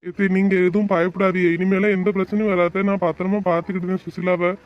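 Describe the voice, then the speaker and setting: A man voicing a dutiful young son-in-law in an animated family drama, reassuring his mother-in-law. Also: sits high, fast talker, natural voice. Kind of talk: cartoon voice acting. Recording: dull, lo-fi recording.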